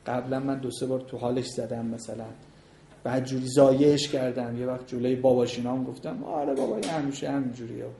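A man lectures on marriage to a class, moving through numbered points. He acts out short exchanges between spouses to show each one. His voice is mellow, and the room gives it a roomy echo. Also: medium pitch, steady tone, creaky, a little hiss or hum. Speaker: marriage counselor teaching a class. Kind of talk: lecture with audience questions. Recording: echoey room.

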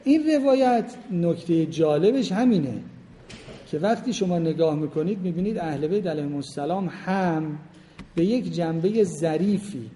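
A man's voice: fairly high pitch, lively intonation, dark tone, slight background noise. A middle-aged man giving an informal lecture on family life to a class, speaking conversationally and emphatically and putting questions straight to his listeners. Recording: roomy hall with long reverb.

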